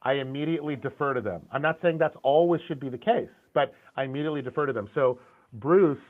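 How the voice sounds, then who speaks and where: At a quick pace and an ordinary pitch, a middle-aged interview guest speaks with candor and energy, repeatedly restarting mid-sentence and repeating words. A concept art and animation director of Syrian origin who grew up in the US, he comes through thin and tinny, as if on a video call over a phone line.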